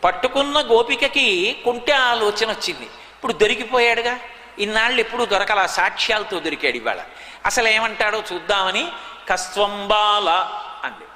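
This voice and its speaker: A man giving an animated devotional sermon, recounting stories emphatically, heard in an echoey hall. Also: high voice, normal speed, a little hiss or hum. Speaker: spiritual discourse speaker. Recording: echoey hall, long reverb.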